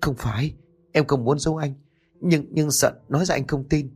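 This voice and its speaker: A man's voice: on the high side, normal speed, darkish tone, slightly rough, soft background music. A man voicing a frightened young woman in an audiobook, speaking hesitantly and pleading.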